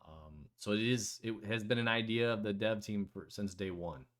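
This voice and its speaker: A man with a somewhat low voice hosts a casual online voice chat. He talks in a loose, rambling way, full of fillers and restarts. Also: moderate pace, fairly bright tone. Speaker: host of a community AMA.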